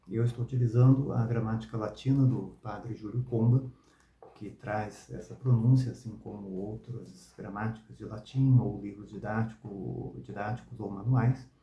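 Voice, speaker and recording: A man teaching Latin pronunciation, explaining calmly and repeating each example word three times. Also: on the low side, echoey room, muffled recording. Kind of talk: spoken lesson with repeated example words.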